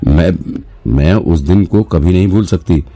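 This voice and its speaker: A cheerful young woman doctor who teases her friend in a light, chatty way, stumbling over her words now and then, as a deep-voiced male narrator plays her. The voice sits very low and mellow, with soft music behind it. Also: measured pace. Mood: laughing.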